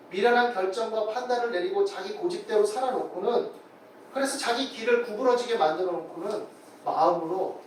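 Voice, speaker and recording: A man with a fairly high voice delivers a sermon, lively and dramatic, slipping into the voices of the people he describes. He sounds distant from the microphone, and the sanctuary rings with heavy reverberation. A faint hiss sits under his voice. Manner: animated, acts out voices of God and people in quotes. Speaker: pastor. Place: church sanctuary. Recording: very echoey hall, far from the mic, faint noise.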